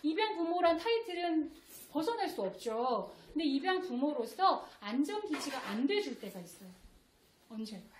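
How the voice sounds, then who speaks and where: A woman's voice: sits high, big pitch swings, moderate pace, slight background noise. A woman giving a parenting lecture to adoptive parents. She acts out the lines of parents and children and laughs often. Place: lecture hall with audience. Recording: echoey hall with audience.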